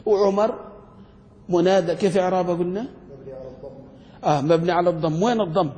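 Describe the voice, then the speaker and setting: A man teaching a grammar class as a sheikh, firing quick questions at his students and restarting words as he searches for them. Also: sits high, mellow. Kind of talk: classroom lecture. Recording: long hall reverb.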